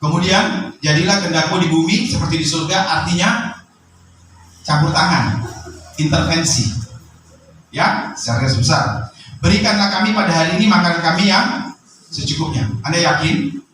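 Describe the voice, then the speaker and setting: A man pastor preaching a sermon, bursting into loud rising phrases and asking the congregation questions. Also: a little high, moderate pace, long pauses, very echoey, far from the mic, a little hiss or hum, poor audio.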